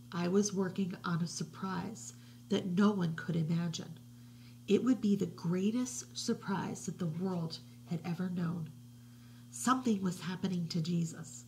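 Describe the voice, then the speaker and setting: Slow, gravelly woman reading a story. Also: lowish voice, slight background noise, low-quality recording. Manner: slow, hushed storybook reading with soft whispery passages. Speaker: children's religious educator. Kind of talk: reading a picture book aloud to children. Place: living room at home, indoors. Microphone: webcam at desk distance.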